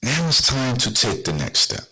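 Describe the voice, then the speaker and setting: A man's voice: mid-range voice, huge pitch swings, moderate pace, gravelly, sharp tone, slightly rough, low-quality recording. A man hosting a podcast, talking casually and bluntly to his viewers, full of rhetorical questions and slang. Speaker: podcast host.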